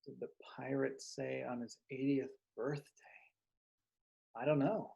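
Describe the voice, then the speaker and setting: A man's voice: medium pitch, level tone, a little slow, vocal fry, warm tone. A man hosting a casual show who chats with his guest and thanks him in an upbeat, encouraging way. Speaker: show host. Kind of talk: casual interview chat.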